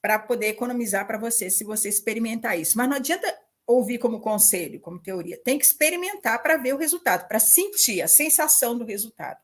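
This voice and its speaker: Woman, 60s, warm-hearted storyteller in casual talk; pitch slightly high. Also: fast talker. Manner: animated storytelling, laughing often. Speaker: mother, systemic counselor. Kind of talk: casual conversation.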